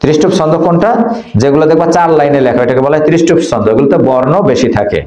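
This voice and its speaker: A man's voice: fairly high pitch, racing, mellow. A man teaching children to recite scripture verses, quizzing them and scolding them and drilling the pronunciation. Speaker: Gita teacher. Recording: echoey, dull lo-fi sound.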